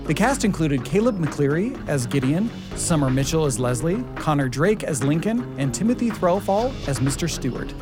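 A man co-hosting a podcast, chatting casually and announcing in a conversational way. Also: on the high side. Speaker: podcast co-host.

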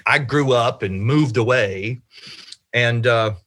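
Joining by video call from his home office, a middle-aged man from the southern United States tells anecdotes as an interview guest, stressing words expressively and deliberately. His voice is mid-range, with no echo and music in the background.

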